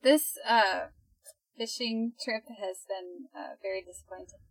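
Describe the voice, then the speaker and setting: A woman's voice: mid-range voice, measured pace, no echo, low-quality recording. A young woman co-hosting a podcast, chatting in a casual, teasing way and laughing often. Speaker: podcast co-host.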